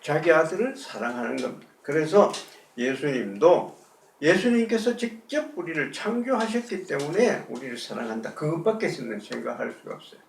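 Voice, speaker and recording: A man's voice: fairly high pitch, roomy sound, recorded from a distance. A male pastor giving a conversational sermon, asking the congregation rhetorical questions. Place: church sanctuary.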